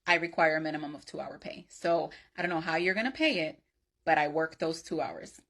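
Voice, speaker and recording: A woman's voice: deep voice, brisk, a bit bright. A woman playing an assertive, sardonic office employee in a workplace comedy skit, speaking firmly, bluntly and with sarcasm. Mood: firm, indignant. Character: assertive, sardonic female office employee who refuses unpaid work.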